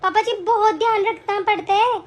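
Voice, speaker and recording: A woman's voice: very high-pitched, normal speed. A woman playing a demanding young mother who bosses her in-laws around, scolding and commanding in an amateur family drama. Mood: lecturing. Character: young mother daughter-in-law, bossy and demanding.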